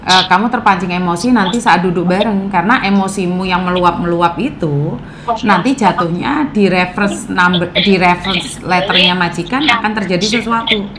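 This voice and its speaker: A woman hosting a call-in talk, calm and direct, giving advice and asking blunt questions. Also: on the low side, normal speed, noisy background. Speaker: host, advisor. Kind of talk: casual chat.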